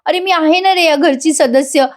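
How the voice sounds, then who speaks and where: A woman's voice: high-pitched, brisk, lightly acted. A woman voicing a scheming young wife who pleads tearfully, in a serial retold as a story. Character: scheming young wife, sobbing to win sympathy.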